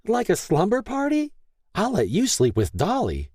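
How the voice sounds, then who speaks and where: A man puts on a sweet little preschool girl for a storybook, her voice high and chirpy and swooping all over. It sounds dry and close, with no room behind it. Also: wildly swooping pitch, moderate pace, darkish tone, no echo, heavily acted. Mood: excited.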